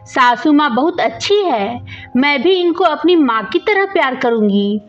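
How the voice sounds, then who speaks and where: A shy young bride speaks politely and a little hesitantly in a storybook reading, voiced by a woman. Her voice is high and slow. Faint music sits under a dull lo-fi recording. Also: expressive.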